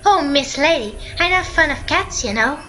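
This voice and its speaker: A woman voicing a courteous, gentle old male rat in a video game, speaking with old-fashioned politeness. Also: high voice, lively intonation, moderate pace, voice pushed up. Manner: courtly, addresses her as my lady.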